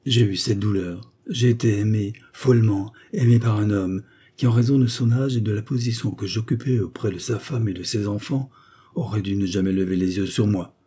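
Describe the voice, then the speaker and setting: A man's voice: lowish voice, moderate pace, dark tone, breathy edge. A man voicing a melancholy young woman accused of a crime, telling her story in a sorrowful then firm way.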